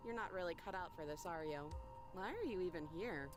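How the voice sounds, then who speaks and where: An actress playing a captive princess in a video game, volatile, by turns wounded and menacing. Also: female voice, on the low side, lively intonation, fairly quick, over music, natural voice. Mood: scornful.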